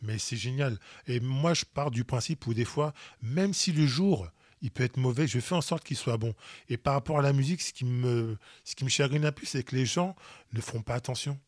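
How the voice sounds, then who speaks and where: A man's voice: mid-range voice, moderate pace, no room sound. A man, a guest musician in a radio studio, speaking earnestly and from the heart. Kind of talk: studio interview.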